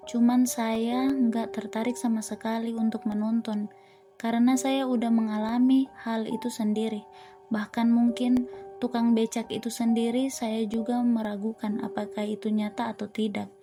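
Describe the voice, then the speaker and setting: A woman narrating a first-person horror story in a calm, unhurried way. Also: fairly high pitch.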